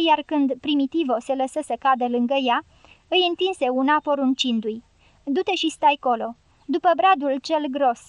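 A woman narrating a novel as an audiobook in a steady, measured way. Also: high voice, no room sound. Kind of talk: scripted narration.

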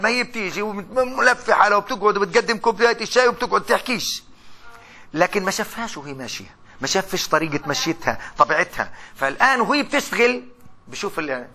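Palestinian guy teaching a class, fast talker, asks the room stuff then answers it himself. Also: high voice, bright, forceful tone. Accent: Palestinian Arabic. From Gaza, Palestine. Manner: chatty, questions the students and answers himself. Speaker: university lecturer. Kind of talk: university lecture.

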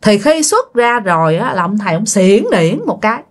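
A woman's voice: medium pitch, sing-song, normal speed. Chatty Southern Vietnamese woman storyteller. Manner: chatty, addresses listeners directly. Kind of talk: casual spoken ghost story.

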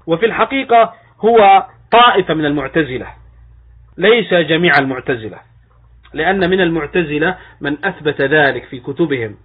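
Sheikh lecturing over thin phone-like audio. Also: male voice, fairly high pitch, lively intonation, slightly rough. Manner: explains step by step, slows down to recite quoted texts; asks rhetorical questions and then answers them. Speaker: sheikh teaching a creed lesson. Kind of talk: religious lecture in formal Arabic.

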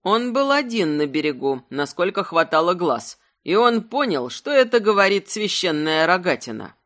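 An audiobook narrator reading a fantasy novel in a steady storytelling voice. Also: mid-range voice, moderate pace.

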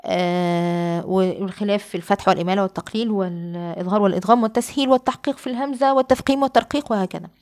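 A woman with an Egyptian accent giving a lecture on Quranic readings, moving between casual explanation and slow, drawn-out recited examples. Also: mid-range voice, darkish tone. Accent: Egyptian Arabic. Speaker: Quran sciences teacher.

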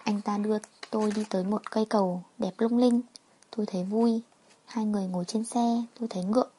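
Woman narrator, soft first-person story reading, husky tone. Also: mid-range voice, steady tone, a little fast.

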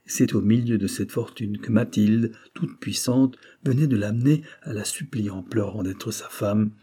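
A man narrating a classic novel as an audiobook, with measured, phrase-by-phrase delivery. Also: on the low side, dark tone, husky. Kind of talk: literary audiobook reading.

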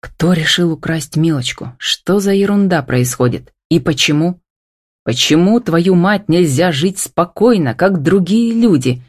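A woman voicing a gruff, hot-tempered young husband who talks in curt growls, in an audiobook. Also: fairly low pitch, expressive, unhurried.

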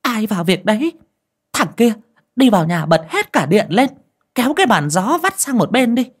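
A man's voice: high-pitched, big pitch swings, normal speed, breathy edge, pitched above the performer's own voice, exaggerated voice. A man voicing a bossy, superstitious older aunt who scolds and orders people about. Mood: bossy, scolding.

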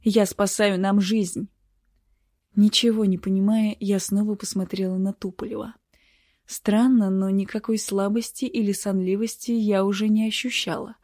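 Middle-aged female audiobook narrator, first person, tense and measured, mellow dark voice, dry close mic. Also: medium pitch, level tone, no room sound.

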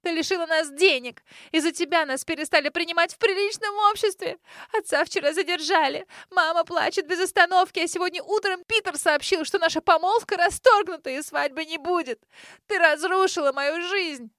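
A woman's voice: extremely high pitch, normal speed, few pauses, pushed and bright, no echo, studio quality, voice pushed up. Shrieking hysterical young woman. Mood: hysterical, screaming. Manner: screaming, accusing.

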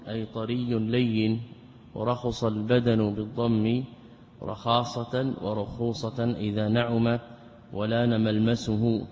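A man, a religious scholar, gives a classroom lecture on legal theory. He explains in a measured way, poses rhetorical questions, and slowly repeats key phrases. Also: medium pitch, darkish tone. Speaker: Islamic scholar teaching a text. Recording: reverberant hall, dull lo-fi sound, faint hiss.

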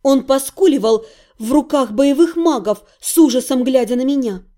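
A woman narrating a first-person fantasy audiobook in an expressive, lively reading. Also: high voice, moderate pace.

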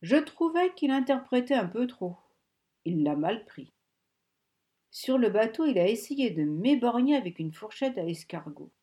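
A woman's voice: a little high, sing-song, unhurried, warm tone. A woman reading the part of a male Swedish academic who talks in a chatty, reassuring way.

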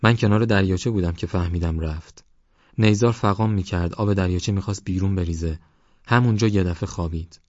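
Fierce young orphan woman voiced by a male reader, raised low voice, dry and slightly muffled. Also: darkish tone, no room sound. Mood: defiant. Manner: fierce, pleading.

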